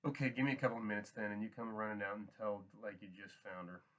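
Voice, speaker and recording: A man voicing a weary, guarded male farmhand who speaks slowly and heavily. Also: fairly low pitch, fairly bright tone, close to an everyday voice. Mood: resigned.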